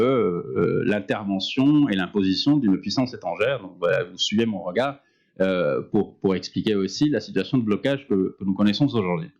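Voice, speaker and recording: A man speaking deliberately and emphatically as a panel analyst at a public conference, stretching key words. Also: fairly low pitch, darkish tone, dull audio.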